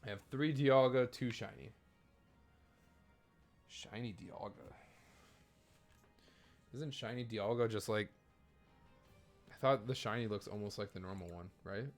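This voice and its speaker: A man's voice: fairly low pitch, a little slow, pauses often, faint music behind. A man streaming a video game, chatting casually and rambling, often correcting himself mid-sentence. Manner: rambling, self-correcting, laid-back. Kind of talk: casual live-stream chat while trading in a game.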